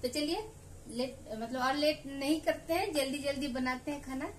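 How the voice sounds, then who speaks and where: A high-pitched woman with a Bengali accent chats homely and casually as she cooks in her kitchen for a vlog. Her speech has small slips, and a faint hum sits under the recording. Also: normal speed. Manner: chatty, homely, with slight slips in Hindi. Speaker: home cooking vlogger. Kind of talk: casual cooking vlog narration. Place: home kitchen.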